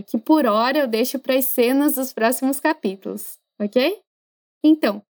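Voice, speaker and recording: Woman, high voice, chatty French teacher, encouraging, podcast lesson. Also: a little mellow. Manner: chatty, encouraging, slows down to model pronunciation.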